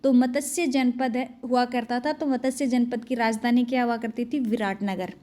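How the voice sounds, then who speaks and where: Brisk high-voiced woman teaching a quiz. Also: steady tone, dark tone. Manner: fast, brisk question-and-answer delivery. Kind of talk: exam-prep quiz lesson.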